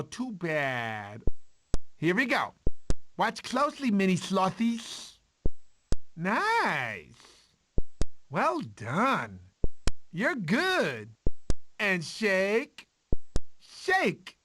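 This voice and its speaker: An actor playing a cowardly, talkative male sloth in an animated video game, with an excitable, theatrical, whiny delivery. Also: sits high, extremely slow, long pauses, a little hiss or hum, exaggerated voice. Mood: encouraging.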